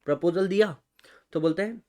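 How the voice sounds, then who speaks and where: Indian male law tutor, a bit high-pitched, repetitive question-and-answer lecturing. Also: normal speed, a little mellow. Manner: quizzes students with repeated rhetorical questions; mixes Hindi and English, addresses students as guys. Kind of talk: recorded exam-prep lecture.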